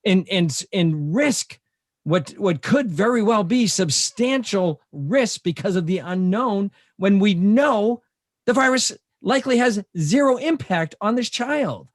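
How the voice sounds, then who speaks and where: A man's voice: high voice, animated, slow pace, no echo, clean studio sound. A man with a Boston accent co-hosting a talk show, firing off indignant rhetorical questions and peppering his speech with "you know". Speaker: co-host, lawyer. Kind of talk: opinionated talk show discussion.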